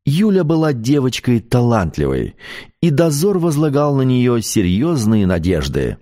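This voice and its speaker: A man narrating an audiobook in a measured, expressive storytelling manner. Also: lowish voice. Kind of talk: scripted narration.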